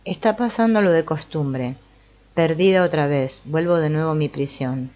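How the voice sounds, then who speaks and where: A woman's voice: low-pitched, normal speed, muffled recording, close to an everyday voice. A woman reading the lines of a refined, mysterious woman in a brothel, asking grave, searching questions.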